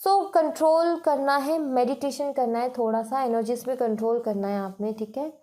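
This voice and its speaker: High-voiced woman giving tarot advice. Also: fairly even intonation, normal speed, dark tone. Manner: mixes English phrases into Hindi, says "you know" and "thik hai" often; reassuring, advising. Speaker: tarot reader. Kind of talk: casual tarot reading.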